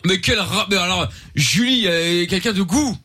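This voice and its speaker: A man's voice: sits high, normal speed, pushed and bright, dry recording, studio quality, soft background music. A man hosting a late-night call-in radio show, laid-back and full of hesitant fillers. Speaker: radio host.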